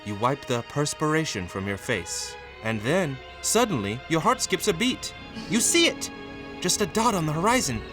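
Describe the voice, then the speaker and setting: With music playing behind him, a man reads a vintage-style horror comic in the second person, narrating theatrically and building suspense. His voice is slightly high and sing-song, at a moderate pace.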